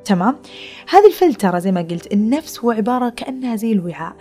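A woman's voice: fairly high pitch, sing-song, racing, dark tone, soft background music. A woman giving an earnest, reflective spiritual talk on a podcast, repeating phrases for emphasis and sometimes dropping to a whisper. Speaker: podcast guest speaker.

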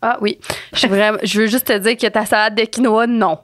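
Young Quebec French woman, blunt teasing co-host, medium pitch, dry studio sound. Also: fairly even intonation, brisk, dry recording. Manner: blunt, teasing, laughs a lot. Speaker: podcast co-host. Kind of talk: casual chat.

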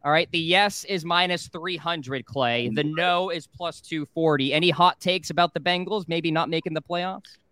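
A man hosting a sports betting talk show, with a crisp, resonant voice that sits a little high. He reads the odds and keeps things moving briskly. The studio mic sounds dry and close. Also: pushed and bright, no echo. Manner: brisk, moves the segments along.

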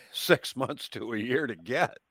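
A man's voice: mid-range voice, expressive, slow, fairly bright tone, husky. A man co-hosting a radio talk show who chimes in with short questions for the guest.

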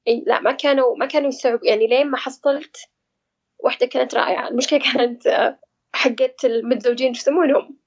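Quick, hesitant woman. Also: sits high, steady tone, lo-fi sound. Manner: hesitant, searching for words, reflective. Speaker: guest sharing personal experience. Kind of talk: casual conversational interview.

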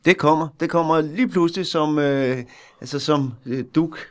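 A man chatting as a guest on a comedy talk show, telling stories animatedly and halting on fillers. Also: on the high side. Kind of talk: casual comedy chat.

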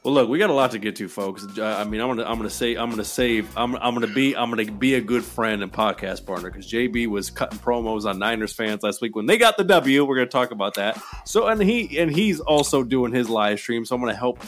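A man's voice: mid-range voice, lively intonation, fast, hardly any pauses, soft background music. A man hosting a podcast with casual, playful banter and a hype-man delivery full of exclamations. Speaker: podcast host.

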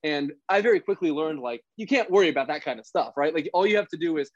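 A man's voice: a little high, animated, quick pace, dry recording. A man from Philadelphia, a sports researcher and guest, explaining things earnestly in casual interview chat and correcting himself often. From Philadelphia, USA. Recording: dry, dull lo-fi audio.

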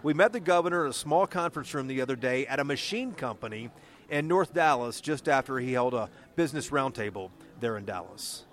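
A man's voice: medium pitch, a little fast, soft background music. Male podcast host, American accent, conversational political reporter, mid-range voice. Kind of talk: conversational podcast narration and interviewing.

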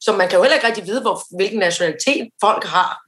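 A podcast co-host tells a story in casual chat, acting out the voices of the people in it and laughing often as an animated storyteller. Her medium-pitched voice sounds reverberant, with a little hiss or hum.

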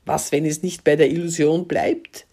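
Woman doing a wry probing woman, dark mellow tone. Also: deep voice, little pitch movement, normal speed. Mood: musing. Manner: dry, quietly probing. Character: woman, dry, skeptical, probing questioner.

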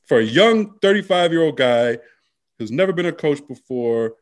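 A man's voice: on the high side, expressive, normal speed. Rambling man talking college football. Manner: rambling, many fillers and restarts. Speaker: sports talk co-host. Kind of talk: casual sports chat.

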